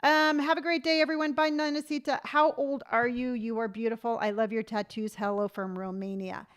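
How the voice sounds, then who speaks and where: A woman's voice: fairly high pitch, a little fast, clean tone. Emphatic woman in her fifties livestreaming. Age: 50s. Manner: emphatic, animated storytelling, reads viewer comments aloud. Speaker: TikTok live streamer. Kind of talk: casual live-stream chat.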